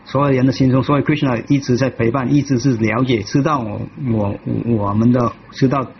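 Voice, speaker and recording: Halting man telling his story, lo-fi. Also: mid-range voice, fairly even intonation, a little hiss or hum. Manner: halting, with many restarts and repetitions. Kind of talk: personal testimony.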